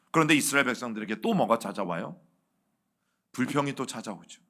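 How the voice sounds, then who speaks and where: Bright-voiced Korean pastor preaching. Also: male voice, mid-range voice. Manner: addresses the congregation as "여러분" again and again, asks questions and answers them. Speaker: senior pastor. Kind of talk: sermon. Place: church, Wednesday evening service.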